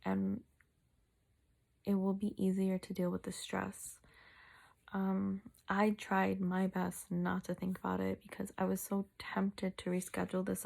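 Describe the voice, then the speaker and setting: Slow, very creaky woman, sore after wisdom teeth surgery. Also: mid-range voice, darkish tone. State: sore mouth, recovering two days after wisdom tooth surgery; tired. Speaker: vlogger. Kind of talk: casual personal vlog update, chatty.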